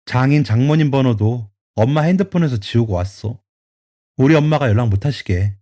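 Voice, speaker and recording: A man's voice: medium pitch, expressive, brisk, dark tone, natural voice. Man doing a young husband, pleading, near tears, apologetic, storytelling radio drama. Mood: remorseful. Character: pleading young husband caught between wife and mother.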